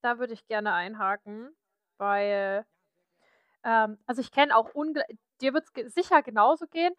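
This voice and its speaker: A woman's voice: on the high side, moderate pace, fairly bright tone, clear, resonant tone, dry recording. A woman from Saxony talking frankly and chattily in a casual podcast conversation. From Saxony, Germany. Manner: frank, chatty, many fillers.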